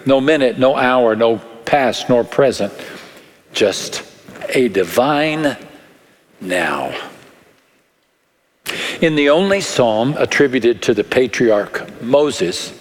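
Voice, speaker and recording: Slow-preaching West Texas man in a reverberant hall. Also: mid-range voice. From West Texas, United States. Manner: measured, deliberate, with short phrases and dramatic pauses. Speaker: pastor. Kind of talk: sermon. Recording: long echoing reverb of a large hall.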